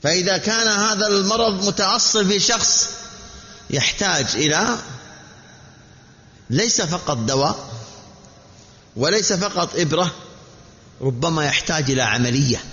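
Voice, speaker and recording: Male preacher, slightly high voice, measured sermon delivery, dull reverberant hall recording. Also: bright, forceful tone. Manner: measured, repetitive teaching delivery with rhetorical questions. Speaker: Islamic preacher.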